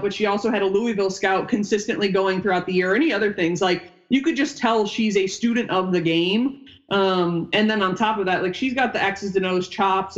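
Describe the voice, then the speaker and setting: A woman in her thirties who grew up in upstate New York, United States, and formerly played and coached basketball, talks as a guest on a casual podcast. She's chatty and rambling, tending to wander off mid-sentence. Her voice is mid-range, and the recording has its highs cut off.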